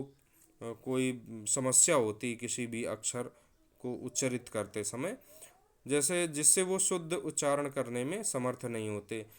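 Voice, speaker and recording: A man's voice: medium pitch, clear, resonant tone. A man teaching a recorded video lesson, explaining with spoken examples and stressing words to show their meaning.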